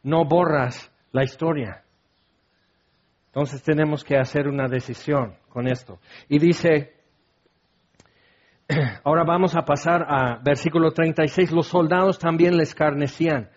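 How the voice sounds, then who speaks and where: A man preaching a sermon, animated, acting out biblical voices and sometimes shouting. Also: on the high side, a little slow, pauses often. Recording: dull lo-fi sound.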